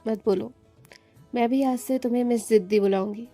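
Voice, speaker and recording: A woman's voice: fairly high pitch, steady tone, moderate pace, dark tone, faint music behind, lightly acted. A woman reading the part of a playful young man imitating a bossy professor in a storybook, mock-stern and teasing.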